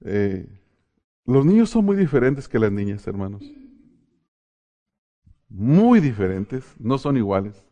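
Middle-aged man, pastor; mellow voice, conversational preaching with laughs. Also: medium pitch, sing-song, slow pace, long pauses, lo-fi sound. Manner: addresses the congregation as brothers, tells personal stories with laughter. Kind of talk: sermon.

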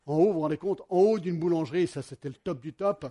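A man delivers a sermon from home. His voice is high and a little husky. He shifts into lively storytelling and talks directly to his listeners. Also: fast talker. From United States. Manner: animated storytelling, addresses the congregation directly. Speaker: pastor.

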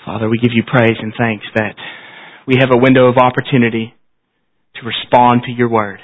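A man's voice: medium pitch, level tone, fairly quick. A man preaching a sermon at a pulpit microphone in a church service, pressing the congregation with earnest rhetorical questions. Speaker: pastor. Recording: dull, slightly lo-fi sound.

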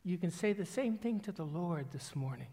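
A man preaching a sermon and then leading a prayer, speaking slowly and with emphasis. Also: high voice, expressive, dark tone, big-room sound. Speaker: pastor.

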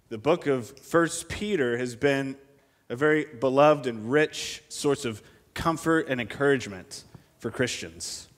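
A man's voice: medium pitch, a bit bright, in a large hall. A man preaching an expository sermon at a pulpit microphone in a church, speaking earnestly and asking the congregation many rhetorical questions.

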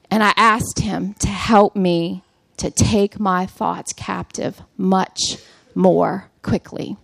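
A woman's voice: medium pitch, creaky, no echo. A woman in her thirties giving a personal devotional talk to a mothers' group, telling a story with humor in a chatty way.

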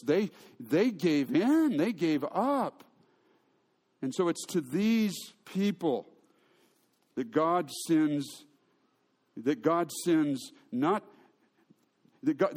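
Storytelling preacher with a higher voice. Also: male voice, darkish tone. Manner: storytelling with humor and frequent restarts. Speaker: pastor. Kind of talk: sermon.

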